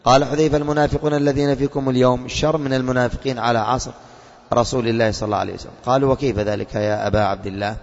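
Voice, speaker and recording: A man's voice: medium pitch, fairly even intonation, racing, darkish tone. A male religious teacher giving a classroom lesson, quizzing his students and repeating their answers back to them. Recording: long reverb, dull lo-fi.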